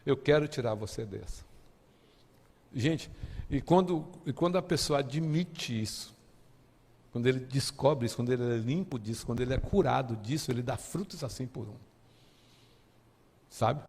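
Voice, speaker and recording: Impassioned Brazilian preacher in a reverberant church. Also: male voice, medium pitch, husky. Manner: impassioned, rising to near shouting at peaks; halting restarts and repeated words. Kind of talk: sermon with personal testimony. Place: church sanctuary.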